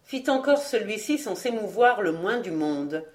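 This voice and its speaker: A woman narrating an audiobook of a classic novel in a steady, measured way. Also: mid-range voice. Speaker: audiobook reader. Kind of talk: storybook narration.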